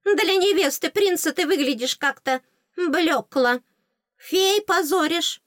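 Woman putting on a squeaky cheeky tooth fairy. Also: slow pace, dry recording, studio quality, full character voice. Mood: excitable. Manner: squeaky, excitable, teasing. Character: small cheeky giggling female tooth fairy. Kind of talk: audiobook character voice.

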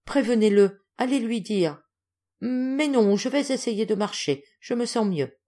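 A man's voice: high voice, animated, a little slow, dark tone, pitched above the performer's own voice. A woman reading aloud as a starving, exhausted man who pleads in a weak, faltering voice. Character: starving exhausted stranger, a lost prince.

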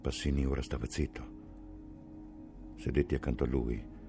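A man reading a novel aloud as an audiobook, in a measured, slow and grave dramatic narration. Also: a bass voice, fairly even intonation, vocal fry, music in the background. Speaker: audiobook reader.

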